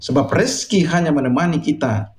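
This expressive male preacher has a higher voice and addresses his listeners in a sermon that is solemn, exhorting and deliberate, with emphatic phrasing. Everything is captured in an echoey, reverberant space.

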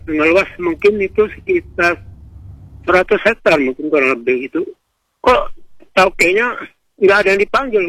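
Fast, outspoken Indonesian man calling in. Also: sits high, pushed and bright, no room sound. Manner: outspoken, rambling, self-interrupting. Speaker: radio caller. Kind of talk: call-in opinion on a radio show. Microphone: telephone. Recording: phone line into radio broadcast.

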